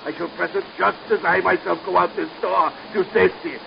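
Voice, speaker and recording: An actor playing a megalomaniac mad scientist who gloats theatrically in a 1930s radio drama. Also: male voice, sits high, fairly even intonation, brisk, creaky, highs cut off. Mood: gloating. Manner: gloating, theatrical, rising to shrieks. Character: megalomaniac mad scientist breeding giant spiders. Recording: scratchy 1930s radio recording.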